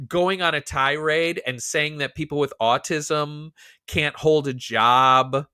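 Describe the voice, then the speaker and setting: A man co-hosting a podcast in casual chat, talking with animated, profane rants. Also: a little high, takes it slowly, smooth, no room sound, clean studio sound. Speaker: podcast co-host.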